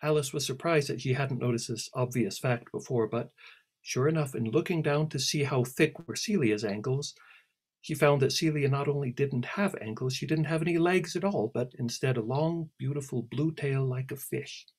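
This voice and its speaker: Husky man reading a story aloud. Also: medium pitch, moderate pace. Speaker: competition entrant reading his story.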